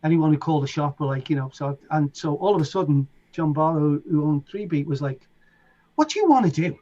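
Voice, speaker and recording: A man's voice: a little high, brisk. A middle-aged man with a Liverpool accent, a DJ and producer telling stories in a casual interview and acting out other people's lines. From England. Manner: animated, acts out other people's lines in raised voices. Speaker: DJ and producer guest. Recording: dull lo-fi sound.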